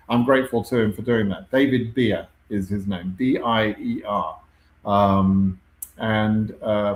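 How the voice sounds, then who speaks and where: A man with a British accent hosts a live Q&A stream, answering viewer questions conversationally with frequent ums and self-corrections. His voice is medium-pitched, and the recording is rough, with an echoey room.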